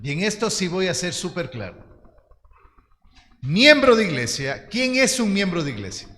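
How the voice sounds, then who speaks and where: A man's voice: sits high, sing-song, normal speed, pushed and bright. A man, preaching a teaching sermon in an earnest, direct way and calling his listeners brothers. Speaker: pastor. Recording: long hall reverb.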